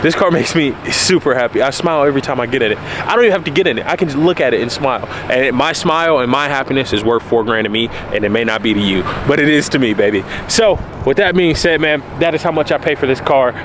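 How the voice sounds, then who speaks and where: A young man in his early twenties with a drawl, talking casually and candidly to the camera. He circles back and repeats himself for emphasis. He is recorded outdoors, with clear traffic and street noise behind him. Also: medium pitch, quick pace, hardly any pauses. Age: early 20s. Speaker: car vlogger. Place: outdoors by his car in cold weather.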